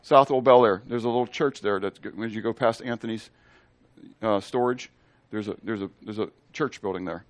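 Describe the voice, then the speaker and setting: A man preaching a casual sermon as pastor, chatty and excitable, often checking in with his listeners by asking "okay?". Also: fairly low pitch, normal speed, no echo.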